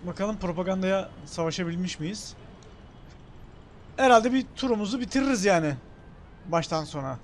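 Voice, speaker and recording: A young man casually commenting while playing a game, excitable, thinking aloud and swearing in passing. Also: high-pitched, normal speed, pauses often, slight background noise. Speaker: gaming channel host. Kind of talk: casual let's-play commentary.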